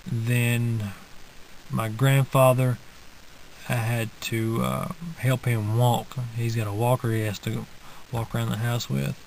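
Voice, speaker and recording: A man's voice: mid-range voice, flat delivery, slow pace, vocal fry, a little mellow, a little hiss or hum, low-quality recording. A young man vlogging from inside a parked car, rambling casually with lots of fillers and restarts, recorded on a camera held at arm's length. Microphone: phone or camera held at arm's length.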